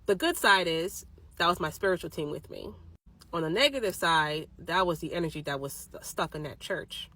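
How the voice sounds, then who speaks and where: A young woman casually telling a personal supernatural story, animated and swearing freely, getting louder when she quotes people. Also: fairly low pitch, normal speed. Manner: animated, swearing, rising loud when quoting others.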